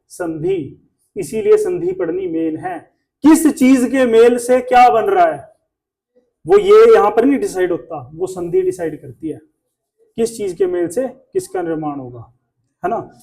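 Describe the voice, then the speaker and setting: A man's voice: very high-pitched, very animated, a little slow, vocal fry, warm tone. A male Hindi teacher, giving a classroom lesson and drilling pronunciation by asking the class questions.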